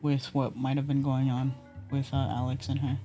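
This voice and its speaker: A man's voice: medium pitch, completely flat delivery, moderate pace, warm tone, faint music behind. A man giving casual game commentary as he reasons through a mystery. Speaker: player discussing a mystery game.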